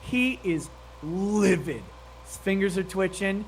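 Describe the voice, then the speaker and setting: A man's voice: high voice, animated, slow, slight background noise. A man giving profane, mocking live commentary on a video clip, laughing often. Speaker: streamer commenting on a meeting clip.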